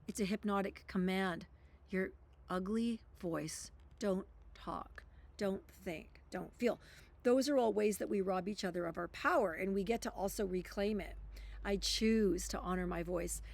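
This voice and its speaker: Female self-help speaker, mid-pitched, reading a book aloud with emphatic asides. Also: creaky, a little mellow.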